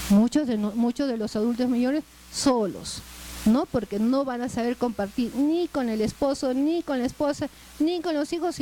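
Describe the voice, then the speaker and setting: Conversational Peruvian woman lecturer, high voice. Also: dark tone, slight background noise, low-quality recording. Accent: Peruvian Spanish. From Peru. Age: middle-aged. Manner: conversational, frequent "¿no?" tag questions. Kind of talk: lecture to a class.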